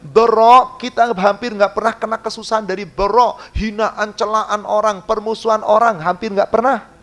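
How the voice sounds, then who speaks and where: A male preacher, giving a sermon that chants Arabic verses slowly, explains them in casual speech and puts questions to the congregation. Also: high voice, fairly even intonation, a bit bright.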